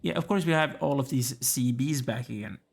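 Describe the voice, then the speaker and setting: A man's voice: medium pitch, fairly quick, gravelly, husky, faint music behind. A tired, yawning man casually commenting as he plays a strategy game, musing aloud and chatting to the characters on screen. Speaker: let's play gamer.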